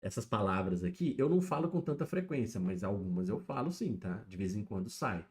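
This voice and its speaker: A man's voice: on the low side, expressive, brisk, a little mellow. A man chatting casually alone on a live stream, explaining things and checking in with his viewers. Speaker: YouTube streamer. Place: home setup, alone.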